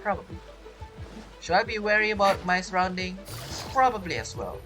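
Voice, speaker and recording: Over game music, a woman who games and creates videos gives casual playthrough commentary. She speaks at medium pitch and normal speed, rambling, thinking aloud and asking herself questions.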